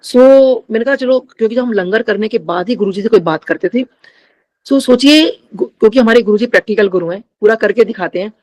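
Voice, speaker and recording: A woman's voice: medium pitch, a little fast, a little mellow. Middle-aged woman giving a spiritual testimony. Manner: addresses the congregation often, mixes English phrases into Hindi. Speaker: devotee sharing a testimony.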